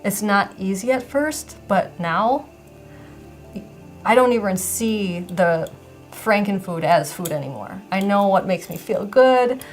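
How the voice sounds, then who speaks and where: A woman's voice: medium pitch, expressive, slow pace, soft background music. A woman speaking earnestly and encouragingly in an interview. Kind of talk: interview testimonial.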